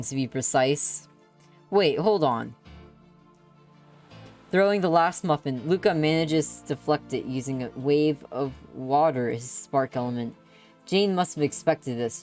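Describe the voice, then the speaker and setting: A woman with a low, slightly mellow voice reads a story aloud on a stream, bringing dramatic and playful expression to the live narration. Music plays in the background.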